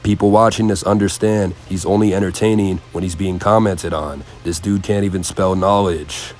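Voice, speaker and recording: Low voiced guy doing deadpan commentary voice-over, dry mocking. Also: normal speed. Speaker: commentary host.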